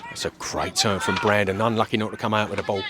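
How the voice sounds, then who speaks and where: A man's voice: lowish voice, steady tone, quick pace, noisy background. A middle-aged man, casually commentating a local football match and bantering with his co-commentator outdoors. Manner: chatty, jokey banter with co-commentator.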